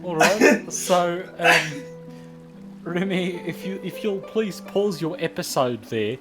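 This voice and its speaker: Slow-talking guy running a tabletop game, lots of ums, music going behind. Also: high voice, animated. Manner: slow, halting, many fillers. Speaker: game master.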